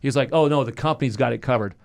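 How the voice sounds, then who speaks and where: A man's voice: medium pitch, very fast, gravelly. A man, a former radio host, telling a story as a podcast guest and acting out the people in it. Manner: animated storyteller acting out quoted voices. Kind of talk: casual storytelling.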